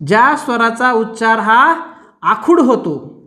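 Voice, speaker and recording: A man's voice: extremely high pitch, expressive, slow, bright, forceful tone. A male teacher giving a grammar lesson for exam students, repeating terms and asking the class questions. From Maharashtra, India. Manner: repetitive, drilling, questions to students.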